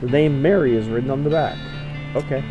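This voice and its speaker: A man narrates a video game as he plays it, reading the game text aloud and commenting in let's play style. His voice is medium-pitched and a little fast, with guitar-driven game music behind him.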